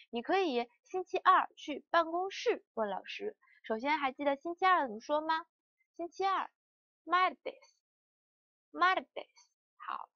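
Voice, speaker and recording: Female teacher, high voice, patient repeat-after-me drills, dry slightly muffled sound. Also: sharp tone, no room sound. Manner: slow, repeated word drills. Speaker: language teacher. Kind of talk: lesson.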